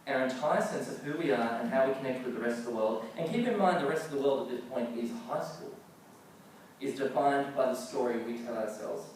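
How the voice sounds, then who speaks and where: A man telling a personal story in an animated, self-mocking way with playful comic timing. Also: mid-range voice, fairly quick. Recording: echoey hall, distant mic, faint noise.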